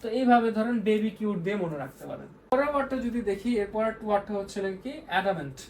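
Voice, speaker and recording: A woman's voice: mid-range voice, lively intonation, very fast, darkish tone. A young woman giving a casual vocabulary lesson in a chatty way, repeating words as she explains them. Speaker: vocabulary tutor. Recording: faint background noise.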